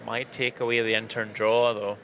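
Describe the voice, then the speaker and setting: A man's voice: on the low side, little pitch movement, normal speed. Man calling play-by-play in a noisy arena. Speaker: play-by-play commentator. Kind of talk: sports commentary.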